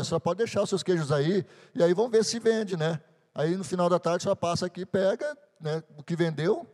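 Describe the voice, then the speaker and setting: A male pastor preaching and telling a story with lively acted-out dialogue. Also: on the high side. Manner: animated storyteller, acts out the dialogue. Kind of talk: sermon with storytelling. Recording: long hall reverb.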